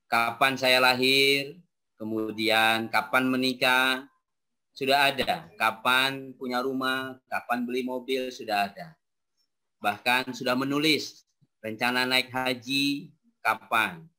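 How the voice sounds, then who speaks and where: A man's voice: medium pitch, bright, forceful tone. A man in his forties giving a religious parenting lecture to an audience of teachers, talking to them directly and dotting his points with "ya" and "nah". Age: 40s. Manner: addresses audience directly with frequent rhetorical "ya" and "nah". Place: talk before a live audience.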